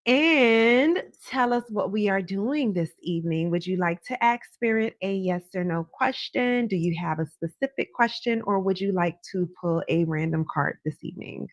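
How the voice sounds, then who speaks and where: A woman speaks as a psychic hotline host in a close, dry recording at a medium pitch. She chats through tarot readings conversationally, greeting and thanking her callers effusively and addressing them with easy familiarity. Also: moderate pace, hardly any pauses, dry recording, muffled recording. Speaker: psychic tarot reader hosting a live call-in.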